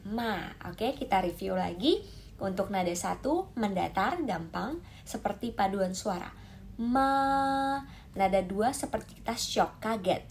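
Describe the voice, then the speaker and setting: A woman's voice: medium pitch, gravelly, slight background noise. A woman teaching Mandarin tones in a lesson, calling out and stretching demonstration syllables. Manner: lively, drawn-out demonstration syllables. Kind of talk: explaining lesson to camera.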